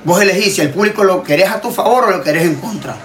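A Honduran man with a high voice rants in a casual, heated way, hammering his points through repetition and swearing without restraint. He sounds like a social media creator talking straight to his followers, with a faint hum of noise behind him. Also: lively intonation, fast talker, a bit bright. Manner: emphatic, repetitive, swears freely. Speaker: TikTok creator.

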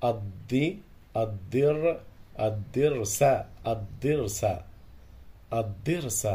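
Very slow, deliberate male reading teacher. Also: animated, warm tone, breathy edge. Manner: sounds out words slowly, naming vowel lengthening and doubled letters in a lower aside. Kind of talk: slow syllable-by-syllable reading lesson.

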